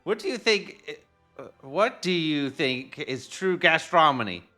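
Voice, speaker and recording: A lofty, excitable foodie chef who lectures everyone about true cuisine, as a man puts him on. The voice sits high and sharp, with wide swings in pitch. Faint game music plays underneath. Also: unhurried. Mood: pompous. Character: pompous wandering male foodie chef.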